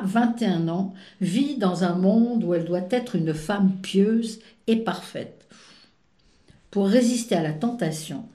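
A woman's voice: medium pitch, a little mellow, echoey room. A woman presenting films on the radio in a playful, chatty, teasing way. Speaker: radio film columnist. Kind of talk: casual radio chat.

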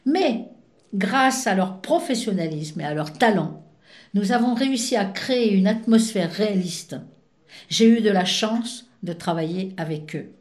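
A woman's voice: medium pitch, lively intonation, a little slow, a little mellow. Woman, radio film columnist, playful chat, echoey sound. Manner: playful, chatty, teasing.

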